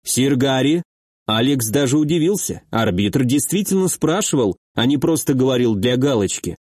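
A male narrator reads fantasy fiction in a steady, measured voice of middling pitch. The recording is dry and close, with no room sound. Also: breathy edge, dry recording. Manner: steady, measured reading with acted dialogue. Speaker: audiobook narrator. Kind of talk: scripted fantasy audiobook narration.

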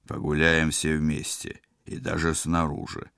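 A man voicing a calm, firm middle-aged ship captain in an audiobook. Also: a bass voice, measured pace, creaky, no room sound, clean studio sound, exaggerated voice.

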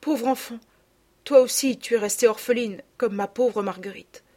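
A woman's voice: fairly high pitch, moderate pace, a little mellow, voice pushed up, natural voice. Kindly noble lady, read by a woman, earnest, emotional, slightly raised voice, storybook reading. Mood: moved, urgent. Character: kind, emotional aristocratic lady, a mother.

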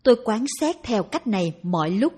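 A woman reading a dharma talk aloud in a calm, even narration. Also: mid-range voice, brisk, slightly rough. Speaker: reader of dharma talks.

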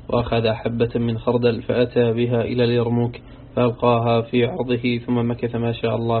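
A man reads a classical commentary aloud in an unvarying monotone, quoting one saying after another. The audio is narrow and tinny like a phone line, with a faint hiss underneath. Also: medium pitch. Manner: flat, even recitation of quoted sayings. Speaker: reader of a classical Quran commentary. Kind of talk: monotone scholarly reading aloud.

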